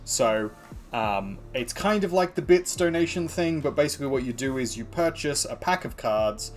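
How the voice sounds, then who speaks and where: An Australian man talks casually to his stream viewers as he works on his art. His speech rambles along, filled with ums and self-corrections, in an ordinary mid-range voice. Soft music plays faintly in the background. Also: mid-range voice, lively intonation, normal speed. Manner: rambling, full of ums and restarts. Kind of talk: casual live-stream chat.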